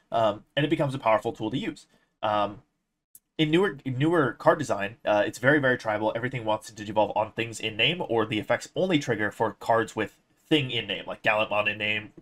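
A young man giving casual, opinionated commentary on a card game, explaining his points in a measured way. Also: medium pitch. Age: young adult.

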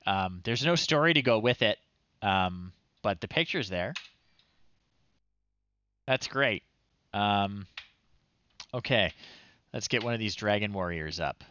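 A man in his thirties hosts a livestream from a small room at home, casually commenting as he tries old software, thinking aloud and muttering short phrases. His voice sits fairly low and sounds expressive, pushed and bright, moving slowly with long pauses. The recording has its highs cut off.

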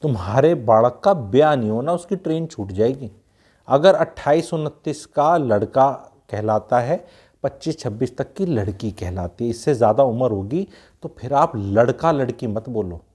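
A man's voice: medium pitch, animated, normal speed, darkish tone, husky. A man from Haryana giving blunt advice to young people, mixing in English phrases and asking rhetorical questions. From Haryana, India. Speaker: youth advice speaker. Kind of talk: casual advice talk.

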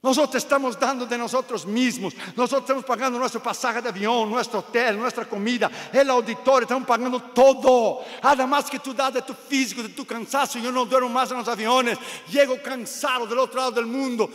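High-voiced impassioned man preaching in a hall. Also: fairly even intonation, fairly quick, hardly any pauses. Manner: impassioned, builds to shouted repeated phrases. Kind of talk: sermon. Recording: long hall reverb with faint music.

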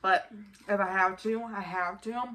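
This mukbang vlogger, aged twenty-five, talks informally and ramblingly to a nearby camera in a small indoor bedroom, repeating herself frequently. She speaks at a measured pace in a steady, mid-range voice with a fairly bright tone.

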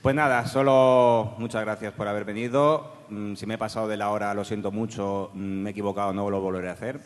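Low-pitched man in an echoing hall. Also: steady tone, fairly quick. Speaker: speaker presenting his web series. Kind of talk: informal closing thanks to audience. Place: conference room. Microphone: handheld microphone. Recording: reverberant hall PA.

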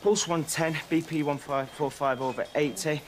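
A man playing a brisk, focused emergency medic in a medical drama, with a businesslike, clinical delivery. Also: fairly high pitch, steady tone, natural voice. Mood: brisk, urgent. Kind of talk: filmed medical drama acting. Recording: very noisy hospital scene ambience.

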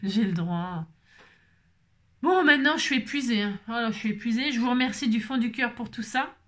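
Chatty woman craft vlogger with a fairly high voice, playful and rambling, peppering her lines with "hein". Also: moderate pace, a bit bright. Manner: bubbly, chatty, playful, sings snippets; repeats "hein" constantly. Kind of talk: casual chat.

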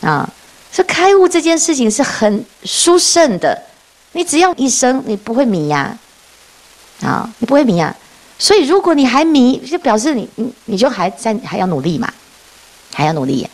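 Speaking at a normal speed in a fairly high voice, a woman gives a dharma talk as a Buddhist nun. She tells stories in a lively way, often laughing and posing rhetorical questions.

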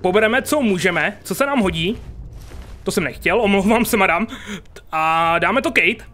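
A gaming YouTuber with a high-pitched, sharp voice and lively intonation gives casual, joking let's play commentary. He chats with his audience while playing a video game and swears at enemies.

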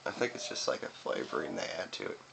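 Speaking quickly with big swings in pitch, a young man with a low-pitched voice and vocal fry chats casually to camera. A video reviewer, he rambles and swears with chewing tobacco in his mouth, recorded noisily on what sounds like a webcam in a small room by a window.

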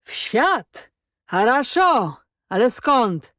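A woman's voice: fairly high pitch, sing-song, a bit bright, no echo, clean studio sound, voice pushed up, heavily acted. A woman voicing a mocking young male Cossack officer who drags out his syllables with a hiss. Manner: mocking, drawn-out syllables, hissing.

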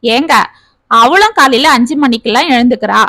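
A woman voicing a caring older grandmother who calmly reasons with her husband. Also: on the high side, moderate pace, no room sound, heavily acted. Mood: gentle. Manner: soothing, reasoning gently.

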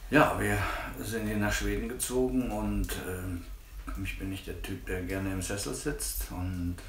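A man in his fifties from Germany with a German accent, calmly explaining his sawmill work in a casual interview. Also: lowish voice, a little slow, a little hiss or hum. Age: 50s. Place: living room by a tiled stove. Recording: roomy and distant.

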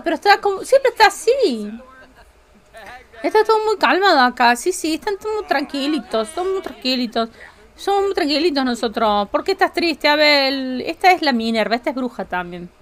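A woman with a Rioplatense Spanish accent chatting and giggling casually while commenting on a life-sim game she streams. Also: high voice.

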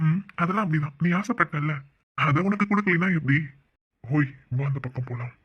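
A devoted young man, voiced by a man with a husky, breathy tone, coaxing his bride-to-be to stop crying in this cartoon. The recording sounds dull and lo-fi. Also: fairly high pitch, lively intonation, fairly quick. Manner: affectionate teasing, coaxing. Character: devoted young man fiancé, teasing and caring. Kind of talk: cartoon voice acting.

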